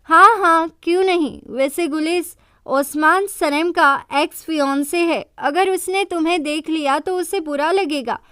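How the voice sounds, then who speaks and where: A woman's voice: very high-pitched, unhurried, a bit bright, dry recording, clean studio sound. Woman doing sarcastic, jealous Layla.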